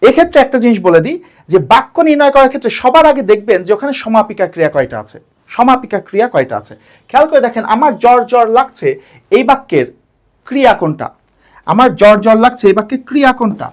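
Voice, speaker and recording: Lady tutor going over exam answers, asks herself questions, says words again slow. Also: fairly high pitch, sing-song. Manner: step-by-step explaining, rhetorical questions, repeats words slowly. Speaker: exam-prep teacher. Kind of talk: exam question walkthrough lesson.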